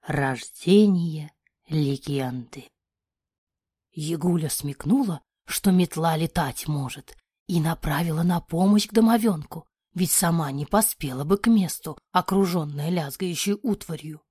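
A woman narrating a fairy-tale audiobook in an expressive voice that often drops to a breathy near-whisper. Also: lowish voice, normal speed, no room sound, clean studio sound.

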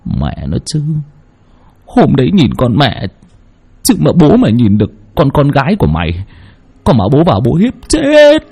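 A man's voice: mid-range voice, huge pitch swings, moderate pace, vocal fry, darkish tone, slightly rough, pitched above the performer's own voice, exaggerated voice. A man voicing a coarse, bitter middle-aged male gambler, cursing and grumbling.

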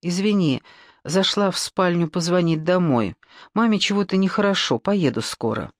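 A woman's voice: lowish voice, normal speed, no room sound, studio quality, lightly acted. A woman voicing a proper, reproachful young woman in an audiobook. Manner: reproachful, tense.

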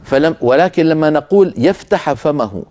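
A man gives a recorded lecture on Quran recitation, sounding out each letter slowly and again and again. His voice sits fairly high but has a mellow, warm tone. He talks straight to his listeners as his brothers and sisters. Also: animated. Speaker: tajweed teacher. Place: filmed lesson with a camera crew.

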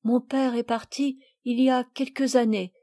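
Frail, polite peasant girl in a storybook, read by a woman; high, soft, close and dry. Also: steady tone, moderate pace, dry recording, lightly acted. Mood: meek, pleading. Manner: timid and polite, higher childlike voice. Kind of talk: audiobook character reading.

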